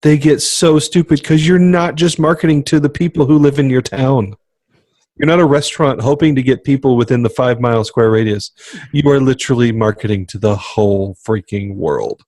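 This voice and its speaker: A man's voice: medium pitch, fairly quick, darkish tone, no room sound. A man co-hosting a podcast in casual chat, talking emphatically and circling back to repeat his motivational point. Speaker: podcast co-host.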